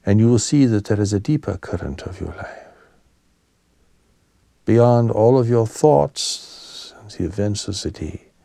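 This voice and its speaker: Speaking as a teacher, the man offers a solemn, gentle, calm sermon on spiritual matters, pacing it in short measured phrases. His soft, lowish voice grows breathy at phrase ends, and the studio-quality audio carries no room sound.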